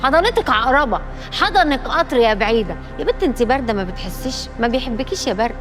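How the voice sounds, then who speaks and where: A woman's voice: fairly high pitch, expressive, fast, over music, close to an everyday voice. An actress playing a defiant young wife taunting her captors in an Egyptian TV drama, with an Egyptian accent. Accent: Egyptian Arabic. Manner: defiant, sarcastic.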